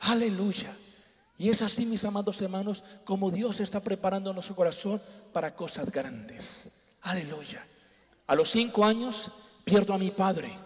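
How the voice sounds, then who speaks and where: A man's voice: high voice, moderate pace. A man preaching a humorous sermon, telling jokey stories and calling the congregation his brothers. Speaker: comedian preaching at church. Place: church sanctuary. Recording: long church hall reverb.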